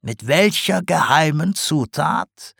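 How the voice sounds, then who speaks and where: A man's voice: on the high side, animated, vocal fry, fairly bright tone, no echo, studio quality, voice pushed up, full character voice. Man playing a sly swamp creature potter. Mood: teasing. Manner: teasing, knowing, unhurried. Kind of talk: audiobook character voice.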